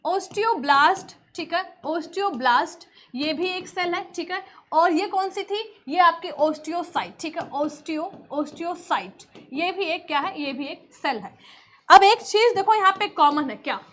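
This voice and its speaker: A woman's voice: very high-pitched, animated, takes it slowly, a bit bright. A woman teaching a live online science class for exam students, chatty and encouraging, often repeating herself.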